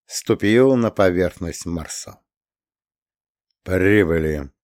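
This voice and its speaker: A man narrating a science fiction story as an audiobook reader, in measured storytelling. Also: fairly low pitch, lively intonation, no echo, clean studio sound. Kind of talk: scripted narration.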